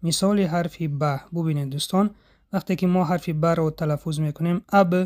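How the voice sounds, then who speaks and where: A tajweed teacher, explaining in a measured way and demonstrating letter sounds slowly and drawn out. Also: mid-range voice, steady tone, a little mellow. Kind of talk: instructional explanation.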